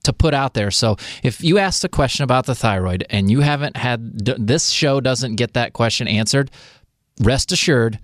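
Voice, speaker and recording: A man co-hosting a casual health show, talking in an emphatic, chatty way with lots of ums. His voice sits at an average pitch. The sound is dry and close, with no room echo. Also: moderate pace.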